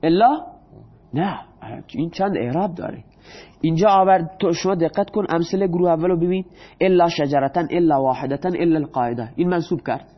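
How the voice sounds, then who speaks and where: Teaching grammar in Persian, a man asks his class questions that he answers on his own and reads out example sentences at a slow pace. His voice is slightly high, and the audio is dull.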